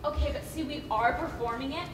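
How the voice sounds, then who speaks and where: A woman's voice: sits high, a little fast, heavy background noise. A woman narrating and acting a stage comedy in a brash, theatrical way. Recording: echoey hall from far off.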